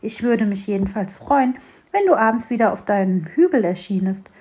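A woman voicing a small, curious young fir tree in a storybook reading, eager and bright-voiced. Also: medium pitch, lively intonation, moderate pace, natural voice.

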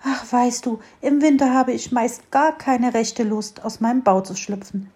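A woman voicing a shy, gentle blind male mole in a storybook reading, talking softly and wistfully. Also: on the high side, steady tone, measured pace, voice pushed up.

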